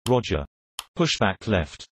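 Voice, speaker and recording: A man's voice: on the low side, very animated, slow, a little hiss or hum, pitched below the performer's own voice. A man voicing an airline pilot calling out crew orders and radio requests, terse and procedural.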